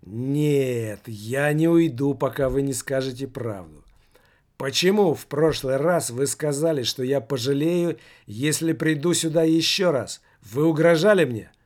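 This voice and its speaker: A stubborn male office worker who shouts and keeps pressing his questions, as an audiobook reader acts him out. The speech is loud and drawn out, raised a little above the reader's own voice, with a middle male pitch. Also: a little slow, lightly acted. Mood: insistent. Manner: heated, insistent, pressing questions.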